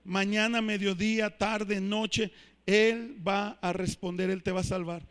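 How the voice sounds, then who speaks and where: A man preaching a sermon in church, emphatic and swelling to shouts. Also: sits high, level tone, a little slow, smooth. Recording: reverberant church hall.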